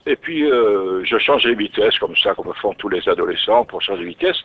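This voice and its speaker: The interview guest, a man, recounts his story reflectively and keeps restarting phrases. His fairly low voice is creaky and husky, swinging widely in pitch at a moderate pace, all captured in tinny narrowband radio sound.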